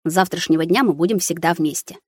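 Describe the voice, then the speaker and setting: A woman's voice: fairly low pitch, quick pace, husky, no room sound, studio quality. A woman reading the lines of a young male student, earnest and persuasive. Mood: tender, insistent.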